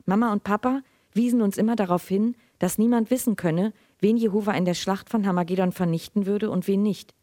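A middle-aged woman giving a measured literary reading, then answering questions in a loose, chatty way. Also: mid-range voice, dark tone, no room sound, clean studio sound.

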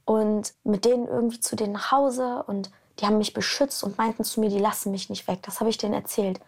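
A woman recounting her own life story in an interview, halting, repeating words and sometimes dropping to a whisper. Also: mid-range voice, steady tone, vocal fry, darkish tone. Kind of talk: personal account in an interview.

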